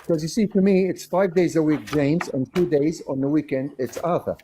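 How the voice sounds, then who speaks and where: A man in a casual livestream chat, living in Australia, explains things in a rambling way and keeps repeating himself. His voice sits on the high side at a moderate pace, with heavy background noise behind him on the call.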